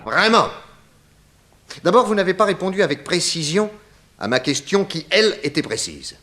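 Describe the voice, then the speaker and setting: With a high-pitched, full character voice at a moderate pace, an actor portrays a cocky, excitable male detective from a 1960s French radio comedy serial. Theatrical and comically hesitant while recounting his case, he comes across as sharp and suspicious.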